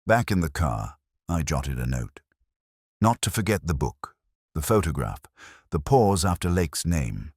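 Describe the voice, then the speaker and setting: A man voicing a weary, brooding middle-aged police inspector, narrating a mystery in the first person in a measured, reflective way. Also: a bass voice, very animated, darkish tone, dry recording, clean studio sound, heavily acted.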